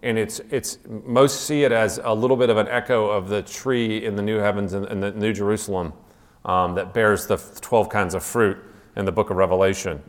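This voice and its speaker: A man's voice: on the low side, steady tone, moderate pace, long reverb tail. A male teacher giving an enthusiastic classroom lecture, with frequent restarts and asides. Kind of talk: classroom lecture with read-aloud passages.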